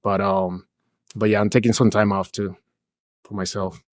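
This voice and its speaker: A Peru-raised man in his forties, a real estate investor, chats casually as a guest in a podcast interview. He's relaxed and talkative, often dropping "dude" and "bro," and restarts sentences a lot. His voice is fairly low, his pace normal, and the studio-quality recording is dry.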